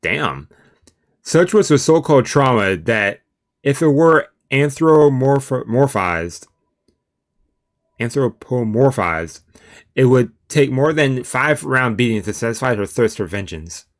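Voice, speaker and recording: With an animated, mid-range voice, a man reads through a visual novel for a let's play at a measured pace. Video game music runs underneath as he adds casual comments and fumbles longer words.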